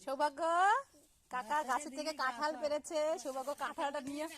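A woman's voice: sits high, steady tone, brisk. A woman in a playful family vlog, talking to a small child in a doting, sing-song way. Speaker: family vlogger. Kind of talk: playful family vlog with play-acted voices.

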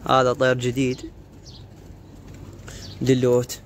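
A man's voice: medium pitch, completely flat delivery, slow pace. A man with an Iraqi Arabic accent chatting informally into a phone as a vlogger, rambling and leaning on repeated filler phrases. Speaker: YouTuber, pigeon keeper. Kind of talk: casual chatty phone vlog. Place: outdoor pigeon yard with cages. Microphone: handheld phone. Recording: phone recording outdoors with birds cooing. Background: pigeons cooing, faint noise.

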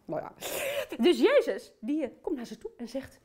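A woman playing bubbly Aunt Til, high and lively. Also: moderate pace. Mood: cheerful. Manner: playful, chatty, addresses children directly. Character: cheerful chatty aunt, playful and bubbly. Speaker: children's Bible storyteller. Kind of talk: children's Bible story for kids' TV.

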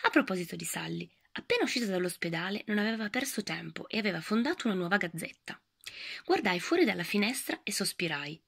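A woman reading a children's book aloud in a lively storytelling voice that often drops to a whisper. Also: mid-range voice, fast, creaky, husky.

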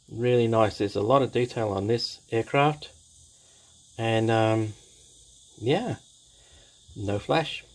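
A man talks slowly and unhurriedly through a scale model kit, speaking from behind an overhead camera at his hobby desk. He is casual and enthusiastic, often repeating his praise and pausing with small fillers. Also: mid-range voice, gravelly, a little mellow, breathy edge, rough recording. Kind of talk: casual kit review, unscripted.

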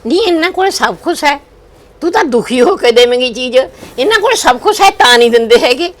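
A woman's voice: high voice, lively intonation, fairly quick. An older woman with an Indian Punjabi accent plays a worried grandmother in a village family drama, talking in an anxious, pleading way. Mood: fretful. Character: worried old grandmother, fretting over her granddaughter. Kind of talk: village web drama acting.

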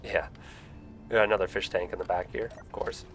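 A young man with a low voice, stuffy from a cold, live-streams a building game while chatting a little fast. He is relaxed and rambling, with lots of fillers.

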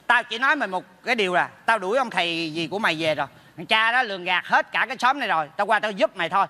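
High, bright, blunt neighbor who teases his friend; stage comedy with long reverb. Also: expressive, heavily acted. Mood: teasing. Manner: teasing, blunt, rapid scolding. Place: theater stage.

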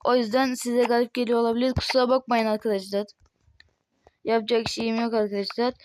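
A young woman from Turkey hosts a casual game mod walkthrough, rambling and filling gaps as she goes. Her voice sits fairly high. A faint hiss runs under the home recording. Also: little pitch movement, a little fast, low-quality recording. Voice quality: voice tone altered, may sound odd. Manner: rambling, says "arkadaşlar" constantly, many fillers. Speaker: gaming channel host. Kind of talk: casual mod showcase commentary.

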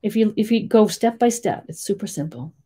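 A woman with a Boston accent giving a chatty, rambling step-by-step painting tutorial, full of gentle little asides. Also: mid-range voice, expressive, fairly quick, husky. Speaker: painting teacher.

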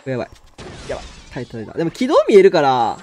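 A man with a Kansai accent giving excitable live commentary on his own game, exclaiming and laughing often. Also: mid-range voice, racing. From Kansai, Japan. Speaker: game streamer.

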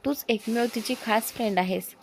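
A woman's voice: on the high side, normal speed, gravelly, slight background noise. A woman doing an impatient young man. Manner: pushy, pleading. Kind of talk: storybook character voice.

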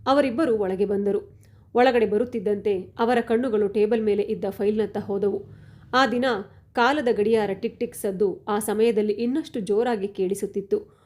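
Woman reading a story in a steady, measured voice. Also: medium pitch. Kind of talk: scripted first-person story narration.

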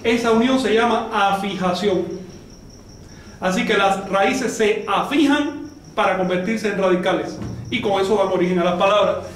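A man with a fairly high voice teaches a class, explaining slowly and firing questions at his students. He is heard from a distance in a very echoey room. Faint noise sits behind him. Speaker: language teacher. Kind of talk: classroom lesson.

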